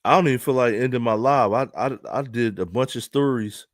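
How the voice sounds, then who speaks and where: A man's voice: medium pitch, a little fast, no echo, clean studio sound. A man hosting an online news live stream, commenting casually with loose jokes and frequent laughter. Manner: loose, joking, laughs often.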